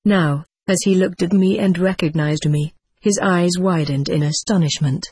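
A man's voice: sits high, normal speed, a little mellow, slightly rough, dry recording. A man reading a first-person adventure story aloud with dramatic expression. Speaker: audiobook narrator.

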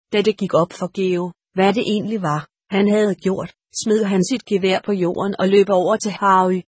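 A woman's voice: medium pitch, darkish tone, breathy edge, dry recording, clean studio sound. A woman narrating a story aloud, reading the dialogue with only slight voice changes. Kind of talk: audiobook narration.

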